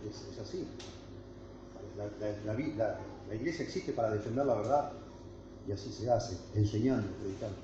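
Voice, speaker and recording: A man's voice: fairly low pitch, moderate pace, noisy background. A man with a Rioplatense Spanish accent, a guest pastor teaching a workshop at a camp, earnest and emphatic, often restarting and checking in with the room. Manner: earnest, emphatic, frequent restarts and tag questions. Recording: echoey hall, dull lo-fi sound.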